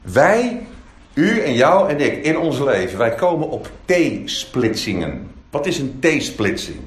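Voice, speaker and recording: A man's voice: medium pitch, very animated, slow. A man preaching a sermon as pastor, emphatic, with many rhetorical questions. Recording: echoey room, faint ambience.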